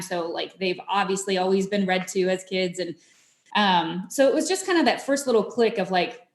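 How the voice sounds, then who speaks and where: A woman's voice: medium pitch, roomy sound. A woman guest on a podcast, telling her family's story in a casual, chatty way with many fillers. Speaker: podcast guest, mother of dyslexic children.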